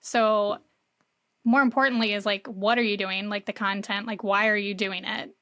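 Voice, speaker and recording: A woman's voice: medium pitch, fairly even intonation, normal speed, fairly bright tone, no echo, clean studio sound. A woman guest on a podcast, explaining marketing casually with many "like" fillers. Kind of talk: conversational interview.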